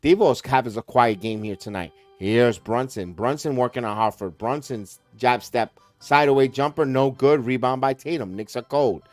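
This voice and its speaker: A man hosting a live watch-along, calling play-by-play in quick bursts that rise on big plays and talking to chat viewers by name. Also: mid-range voice, dry recording, faint music behind. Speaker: host and play-by-play caller.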